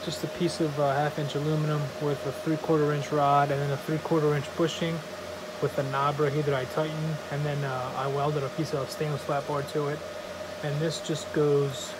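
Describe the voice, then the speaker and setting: A man's voice: a little high, flat delivery, normal speed. A young man casually demoing his welding gear in a workshop, talking loosely with lots of fillers, filmed on a phone. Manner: easygoing, rambling with many fillers. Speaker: welder demonstrating his shop gear. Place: cluttered indoor workshop. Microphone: phone camera, handheld then on tripod. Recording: loud shop noise behind. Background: loud hum of shop machines and air.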